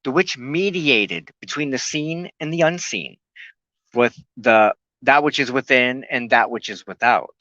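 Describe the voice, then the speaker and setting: A broadcast host delivers an earnest, unscripted teaching in a mid-range voice, pushed and bright with lively intonation. He is reflective and halting, often stopping mid-sentence. The lo-fi recording has no echo.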